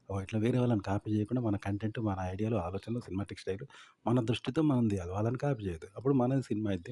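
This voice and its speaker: Fast-talking Telangana-accented man. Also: fairly low pitch, mellow, slight background noise. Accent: Telangana Telugu. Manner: repetitive, emphatic, asks rhetorical questions. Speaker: content-making tips presenter. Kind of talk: informal advice monologue.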